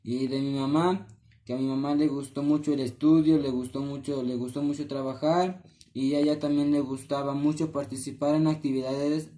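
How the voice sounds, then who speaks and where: Halting man reading a school assignment. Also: medium pitch, little pitch movement, warm tone. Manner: halting, with restarts and repeated words. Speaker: student sending a class assignment.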